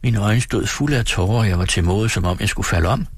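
A man with a low, husky voice reads a classic novel aloud on late-night radio. He tells the story in a calm, measured way from a studio. The sound is dry and close, with no room around it. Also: dry recording. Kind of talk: read-aloud literary narration.

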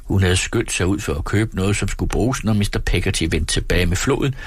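Husky man narrating a classic novel. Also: deep voice, dry recording. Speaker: audiobook narrator. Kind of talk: first-person literary narration.

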